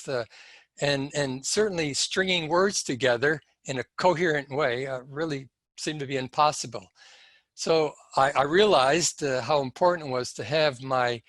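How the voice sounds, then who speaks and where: A man speaking at a symposium, telling a personal story in a slow, reflective and halting way. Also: mid-range voice, fairly bright tone, dry recording.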